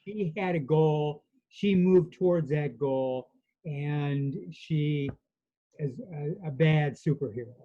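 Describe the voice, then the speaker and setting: A man's voice: fairly high pitch, slow pace, highs cut off. A man giving an earnest, emphatic, somewhat rambling impromptu speech at a club meeting. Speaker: meeting participant answering a table topic.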